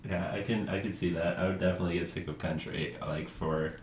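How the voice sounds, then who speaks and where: Young male host, casual and rambling, deep voice; faint background noise. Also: fairly even intonation, fast. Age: 20s. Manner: rambling, laughs often. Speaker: podcast host. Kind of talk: casual interview chat. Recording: echoey room with faint noise.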